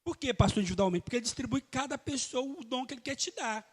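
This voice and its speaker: A man's voice: extremely high pitch, quick pace, husky. A man preaching a live church sermon as pastor, emphatic and calling out to the congregation. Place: church hall. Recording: reverberant church hall.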